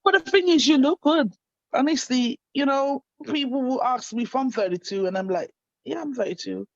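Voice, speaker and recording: A woman in her thirties hosts an online interview show, sounding enthusiastic and affirming. Her voice is high-pitched and moves at a normal speed, and the recording is dry and slightly dull with no echo.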